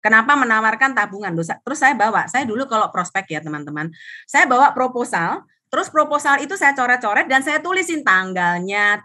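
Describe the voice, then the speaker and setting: A middle-aged woman from Indonesia, an insurance agent telling her experiences in a lively motivational talk that mixes in English phrases. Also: on the high side. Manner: animated, acts out quoted dialogue, drops in English phrases. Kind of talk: motivational storytelling on a live stream.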